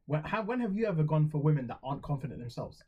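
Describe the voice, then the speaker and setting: A man's voice: on the high side, sing-song, rapid-fire, husky, narrow, tinny audio. A young man co-hosting a podcast, chatting casually with swearing and mock-outraged rants. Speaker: podcast co-host. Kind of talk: casual chat.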